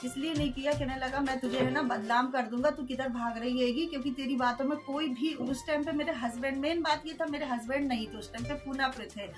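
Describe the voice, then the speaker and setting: A woman's voice: sits high, fairly quick, hardly any pauses, over music. A woman recounting an incident to an interviewer, quoting the people involved as she tells it. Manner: storytelling, quoting others' words, frequent "haan, ji". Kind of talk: emotional first-person account.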